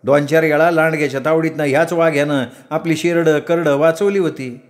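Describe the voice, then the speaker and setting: A man doing a shrill scolding village mother. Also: steady tone, fairly quick, close to an everyday voice. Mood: reproachful. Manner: shrill, scolding, rustic speech. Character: scolding older village mother, strong-willed.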